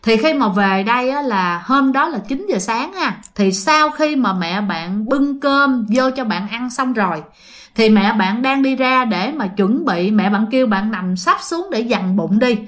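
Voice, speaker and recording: A woman's voice: a little high, animated, measured pace, a bit bright. Chatty woman storyteller. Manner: chatty, addresses listeners directly. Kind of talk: casual horror storytelling.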